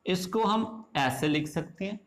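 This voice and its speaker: Guy teaching phonetics, keeps asking "clear?" and answering his own questions, says the example words slow. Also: high voice, expressive, a bit bright. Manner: quizzes listeners with questions and answers them himself; checks in often with short asides like "clear?". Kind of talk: classroom-style explanation.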